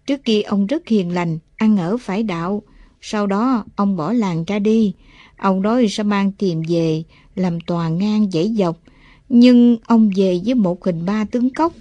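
Sorrowful old village woman, high and plaintive, as a male narrator puts her on, close dry audiobook sound. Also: measured pace, mellow, no echo, highs cut off.

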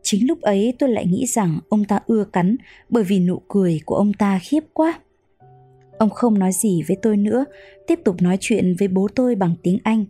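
A woman narrates an audiobook in a calm, measured way. Her voice is mellow and somewhat breathy. The recording is dry and close, with faint music underneath. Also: mid-range voice, no echo.

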